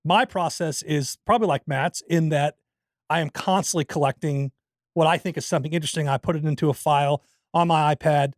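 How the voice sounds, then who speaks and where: A man's voice: on the high side, brisk, no room sound, studio quality. A man co-hosting a podcast in casual banter, jokey and self-deprecating, reading listener mail aloud. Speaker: podcast co-host.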